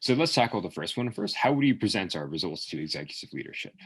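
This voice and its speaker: A man with a deep, husky voice gives explanatory answers as a job interview candidate. His pitch moves around a lot, and he feels his way through the explanation, thinking aloud and hedging as he goes. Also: big pitch swings, fast, fairly bright tone.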